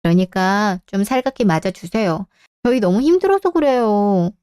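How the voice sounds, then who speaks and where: A woman's voice: medium pitch, expressive, normal speed, warm tone, clean tone, no room sound, studio quality, lightly acted. A woman voicing a curt, complaining daughter-in-law in a Korean radio drama. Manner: politely cold, complaining. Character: curt young-adult daughter-in-law, a teacher.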